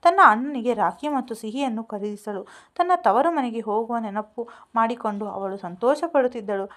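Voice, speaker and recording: A woman narrating a moral story in a steady, even reading. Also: on the high side.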